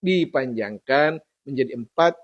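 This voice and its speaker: Patient man teaching slow recitation. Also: mid-range voice, expressive, dry recording, dull audio. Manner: patient, repeats sounds slowly and corrects common mistakes. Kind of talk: Quran recitation lesson with slow chanted verses.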